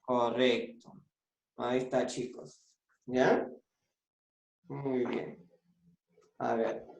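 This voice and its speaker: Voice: mid-range voice, little pitch movement, extremely slow, vocal fry, a little mellow, roomy sound, a little hiss or hum. A teacher giving an online class, patiently repeating points and prompting the students to answer.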